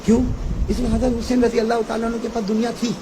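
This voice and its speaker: A man preaching an impassioned sermon to a live crowd. He swings from hushed asides to shouted climaxes and calls on the audience to answer back. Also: very high-pitched, monotone, fast talker, slight background noise, rough recording. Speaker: Islamic preacher.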